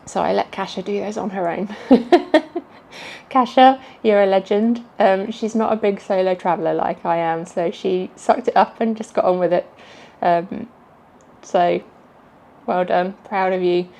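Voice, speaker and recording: A woman's voice: medium pitch, a little slow, creaky, mellow. A woman travel vlogger chatting casually to camera in a jokey, self-deprecating way.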